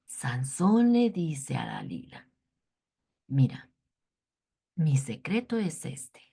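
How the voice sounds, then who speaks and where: A woman with a Mexican Spanish accent tells a Bible story to children, expressive and animated, now and then dropping to a whisper. Her pitch swings widely, her pace is slow, and her voice is breathy.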